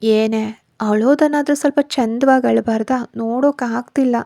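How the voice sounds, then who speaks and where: A woman's voice: a little high, steady tone, moderate pace, gravelly, dark tone, no echo, studio quality. A woman voicing an intense, possessive young husband who talks brusquely, teases and turns tender, in a spoken story. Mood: teasing.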